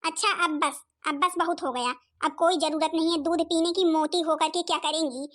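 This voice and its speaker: A woman's voice: extremely high pitch, fairly even intonation, moderate pace, a bit bright. A woman voicing a stingy, scolding older mother-in-law in a cartoon comedy, nagging constantly.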